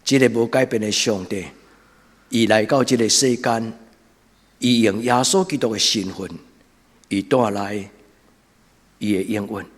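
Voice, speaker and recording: A man with a Taiwanese Hokkien accent preaching a church sermon as a pastor, in short, deliberate, emphatic phrases. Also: on the low side. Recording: reverberant hall sound, long echo.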